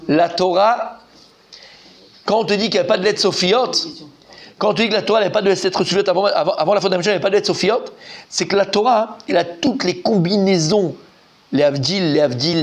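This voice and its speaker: A man giving an informal, animated Talmud class, quizzing his students and repeating key points. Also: high-pitched. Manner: lively, animated, asks students questions, repeats himself. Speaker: rabbi teaching Talmud.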